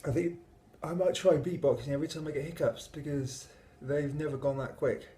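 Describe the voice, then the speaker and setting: A man's voice: on the high side, steady tone, a little fast, dark tone. A young adult man talking casually to camera as a YouTuber, recorded in a small room at arm's length. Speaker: YouTuber doing a challenge. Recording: roomy echo, music behind.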